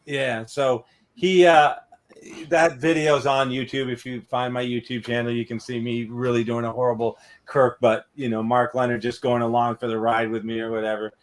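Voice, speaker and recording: This podcast host speaks in a flat, mid-range voice at a normal pace. He rambles through casual storytelling chat, tacking "or whatever" onto his sentences again and again.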